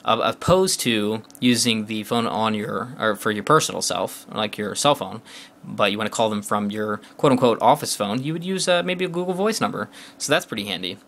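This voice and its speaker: Tapping through a phone's features, this male reviewer narrates casually, stumbling over uh's and starting sentences over. The voice is bright and forward yet lowish and creaky, delivered at a moderate pace.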